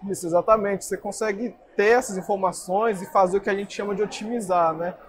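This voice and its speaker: A man's voice: high voice, steady tone, quick pace, background noise. A young man, earnestly explaining marketing as an interview guest at a fair booth. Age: young adult. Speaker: guest speaker. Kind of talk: interview answers. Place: indoor trade fair booth.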